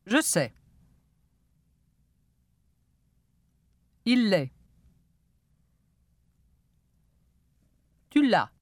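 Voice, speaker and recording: A woman's voice: mid-range voice, no echo. Woman carefully pronouncing drill phrases. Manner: careful, distinct articulation of short phrases. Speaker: language lesson speaker. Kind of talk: slow model pronunciation for a language drill.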